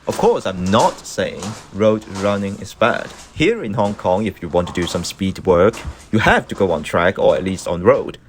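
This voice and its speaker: A man narrating a scripted vlog in a measured, wordy, academic way. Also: low-pitched, expressive, a little hiss or hum. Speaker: running vlogger, narrator.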